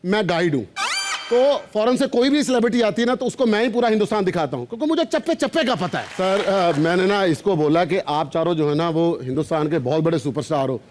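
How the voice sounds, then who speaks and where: A man's voice: high-pitched, lively intonation, fast, background noise. Man doing a brash teasing tour guide. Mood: boastful. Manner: teasing, roasting guests. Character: cheeky male tour guide, brash prankster. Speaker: comedian in sketch. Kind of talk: stage comedy sketch. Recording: live studio with loud music and audience.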